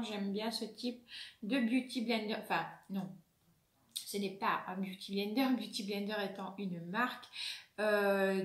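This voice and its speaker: A woman's voice: medium pitch, fairly bright tone. A French-accented woman reviewing beauty products in a casual vlog, hesitant, with many fillers and self-corrections. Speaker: beauty vlogger. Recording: echoey room.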